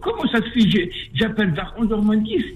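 A man's voice: high-pitched, wildly swooping pitch, fairly quick. A man calling into a radio show, stammering and repeating his words in an insistent way. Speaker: caller. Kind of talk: phone-in chat. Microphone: phone. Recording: tinny phone line.

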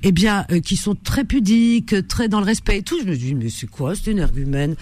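A woman hosting a radio call-in show, animated and teasing, laughing often with callers. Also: medium pitch, normal speed. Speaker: radio host. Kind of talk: lively radio call-in chat.

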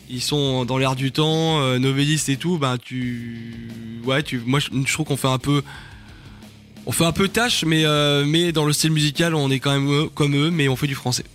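A man's voice: a little high, fairly bright tone. A man with an accent from France chatting casually as a guest in a radio interview, often searching for words and using slang. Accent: French from France. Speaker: band singer and lyricist, interview guest.

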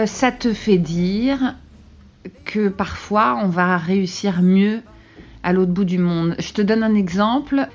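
A woman hosts a podcast interview, asking long, searching questions with the odd filler. Her voice sits at a medium pitch. The recording sounds slightly dull and muffled. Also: darkish tone. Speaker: podcast host.

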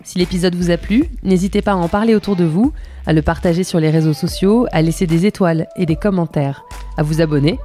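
A woman's voice: lowish voice, quick pace, warm tone, faint music behind. A woman podcast host telling a personal story in casual narration, with a wry, self-mocking humor.

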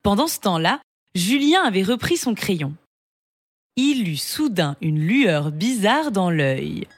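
A woman reading a children's story aloud in an expressive, lively way. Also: mid-range voice, slow pace. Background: music.

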